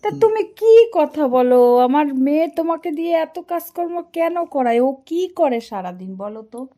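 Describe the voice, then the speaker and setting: A woman plays a lonely mother-in-law who grumbles that nobody checks on her. She speaks a little high, in a mellow, dark tone. Her reproachful, prying questions set up a scripted comic phone skit. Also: unhurried. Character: lonely complaining mother-in-law, middle-aged.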